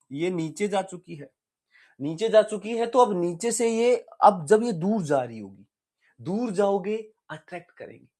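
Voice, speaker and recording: High-voiced, lively male physics teacher. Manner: lively, chatty teaching that asks the students questions; mixes English terms into Hindi explanations. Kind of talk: exam-prep physics lecture.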